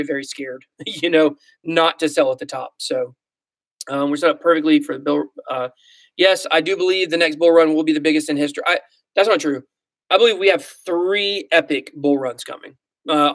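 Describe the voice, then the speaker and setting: He's a man in his thirties with a Southern US accent and a fairly high-pitched voice, heard with no room sound. As host of a laid-back livestream, he goes through comments in a rambling, self-deprecating manner full of ums and likes.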